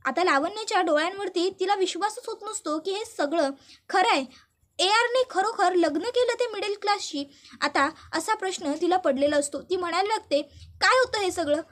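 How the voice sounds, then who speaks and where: A woman narrates a serial episode recap in a quick, dramatic storytelling manner. Her voice sits very high.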